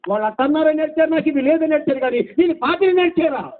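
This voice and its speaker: A man with a very high voice preaches a gospel sermon at a revival meeting. He repeats his phrases, asks rhetorical questions and calls out hallelujah, swinging between loud and soft. The recording sounds thin and tinny, like a phone line. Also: lively intonation, fast.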